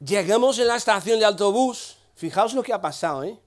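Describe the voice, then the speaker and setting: A middle-aged man, a pastor, telling a humorous story in a sermon and acting out the dialogue in a lively way. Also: sits high, fairly quick.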